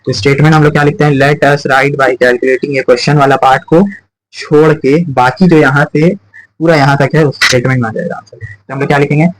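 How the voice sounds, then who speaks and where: A man's voice: on the high side, fairly even intonation, fairly quick, rough recording. A male maths teacher from explaining sums step by step, asking and answering his own questions and repeating each point. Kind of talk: chalkboard maths lesson.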